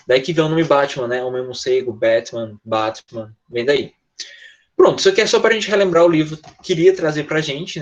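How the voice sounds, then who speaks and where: A man's voice: medium pitch, muffled recording. A man with a Brazilian Portuguese accent teaching English in an online class, patient and repetitive, often checking with his students.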